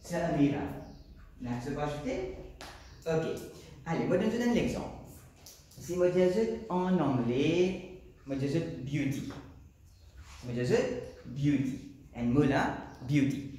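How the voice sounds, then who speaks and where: Mauritian man, teacher, lively up-and-down voice, boomy room heard from a distance. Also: measured pace, long pauses, a little hiss or hum. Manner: questions students, repeats their answers. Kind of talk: classroom lesson. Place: classroom. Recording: echoey classroom from far off.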